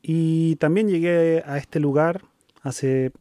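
A Chilean man in his thirties co-hosting a casual conversation, speaking thoughtfully with pauses and fillers. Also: fairly high pitch, steady tone, mellow, no room sound. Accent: Chilean Spanish. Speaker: co-host.

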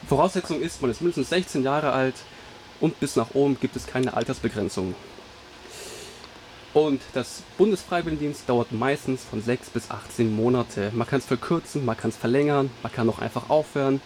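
A man's voice: mid-range voice, normal speed, a little mellow, a little hiss or hum. A young man from Germany hosting a radio show, presenting in an upbeat, scripted announcer manner.

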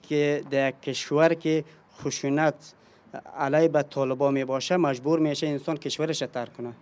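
A man's voice: fairly high pitch, steady tone, very fast, darkish tone. A man from Afghanistan, a panel guest, giving personal testimony with many hesitations.

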